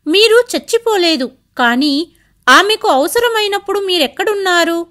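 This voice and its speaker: A steady, protective older man with a stern and firm delivery, voiced by a woman narrator in a raised pitch. His timbre sits apart from the storyteller's own voice in a spoken family story. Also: a little slow, full character voice.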